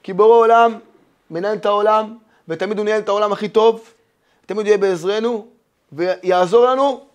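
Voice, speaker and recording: A man teaching a Torah lesson as a rabbi, animated and emphatic, telling stories and asking rhetorical questions, swinging between loud and hushed. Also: high voice, smooth. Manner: storytelling, with many rhetorical questions. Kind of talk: Torah lesson sermon to a live audience.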